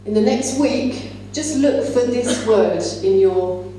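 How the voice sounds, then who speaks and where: A woman presents to teachers as a plenary conference speaker, explaining in a conversational, instructive way. Her mellow, soft-edged voice is on the high side, and she takes it slowly. The recording is very echoey and distant, made in a large room with faint noise and a hum behind her.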